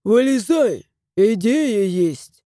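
A woman voicing a grumbling, gruff old male house spirit in a storybook reading. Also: medium pitch, lively intonation, very slow, mellow, dry recording, studio quality.

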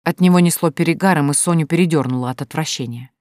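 An audiobook narrator reading a novel chapter in a steady, even manner. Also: medium pitch, quick pace, no echo, studio quality. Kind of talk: scripted narration.

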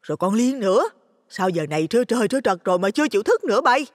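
A man doing a loud chatty village neighbor woman. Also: high voice, lively intonation, normal speed, slightly rough, clean studio sound, voice pushed up. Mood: calling loudly. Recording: long reverb.

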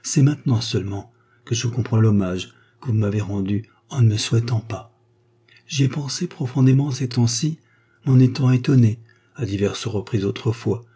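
A man's voice: lowish voice, mellow, breathy edge. A man voicing a wistful refined woman of fifty. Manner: earnest, heartfelt confession. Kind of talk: audiobook reading of a short story.

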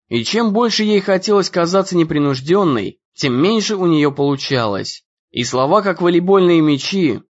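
A man narrating an audiobook in a lively, expressive storytelling voice. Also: a little high. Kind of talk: audiobook reading. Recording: dull lo-fi recording.

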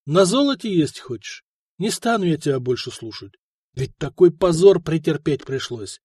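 A man's voice: a little high, sing-song, normal speed, darkish tone, slightly rough, dry recording, studio quality. A man voicing a bluff, good-natured blacksmith husband who teases and boasts. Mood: exasperated.

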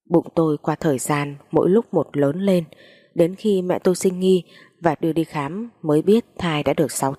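A woman reading a first-person story aloud in a slow, mournful manner. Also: deep voice, dark tone. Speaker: audiobook reader.

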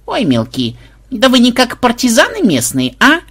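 A man doing an old granny, high and wailing, husky, slow drawn-out, pitch swooping all over. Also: huge pitch swings, a bit bright, heavily acted. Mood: flustered. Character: flustered old village granny.

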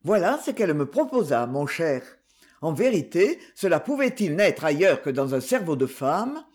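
A man voicing a slight, calm husband who tells a grim story in a light, coolly ironic tone, read as an audiobook. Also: a little high, moderate pace. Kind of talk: audiobook reading.

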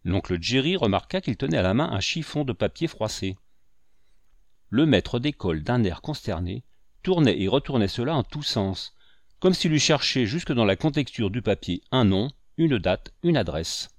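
A man reading a classic adventure novel aloud in measured, even narration. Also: medium pitch, no room sound, clean studio sound. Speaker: audiobook narrator. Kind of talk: literary audiobook narration.

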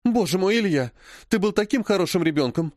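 A man's voice: sits high, expressive, brisk, a little mellow, no room sound, clean studio sound, voice pushed up. A man putting on a melodramatic scheming aunt. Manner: melodramatic, sobbing indignation. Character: sly, theatrical aunt, a healer.

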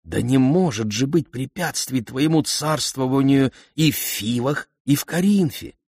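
A man voicing a gracious, affectionate queen who speaks gently and persuasively. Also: medium pitch, expressive, unhurried, breathy edge, no room sound, studio quality, pitched above the performer's own voice.

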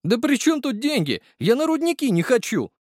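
A man performs a full character voice as a nervous, cautious young male driver who haggles excitedly and sounds agitated. He pitches it extremely high, well above his natural voice, at a moderate pace. The studio recording is clean with no echo.

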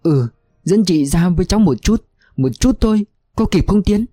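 A man reading an audiobook voices a young woman guerrilla leader who asks sharp, urgent questions. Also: high-pitched, lively intonation, normal speed, no room sound, faint music behind, pitched above the performer's own voice. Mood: shaken.

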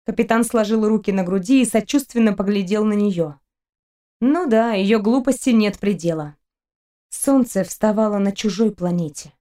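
A woman narrating an audiobook in an even, steady reading voice. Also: medium pitch, moderate pace. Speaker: audiobook reader.

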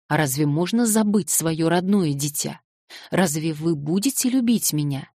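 A woman's voice: deep voice, expressive, normal speed, no room sound, clean studio sound. A woman reading an audiobook voices a distraught young orphan girl who cries and refuses insistently. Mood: sobbing defiance. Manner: crying, shouting, insistent refusals.

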